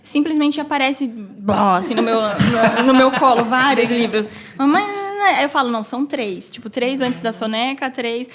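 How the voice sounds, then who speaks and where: A woman in her thirties with a high, bright voice talks casually on a podcast. She explains things in a lively way and keeps adding little "né"s and "assim"s as she goes. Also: moderate pace, few pauses, a crowd in the background. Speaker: podcast co-host, mother of three.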